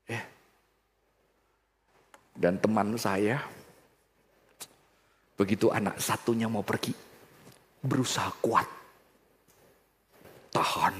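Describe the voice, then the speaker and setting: A man preaching a sermon, swinging between soft low passages and loud, high emphatic bursts, and addressing the congregation directly. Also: steady tone, takes it slowly, long pauses, long reverb tail. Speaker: pastor.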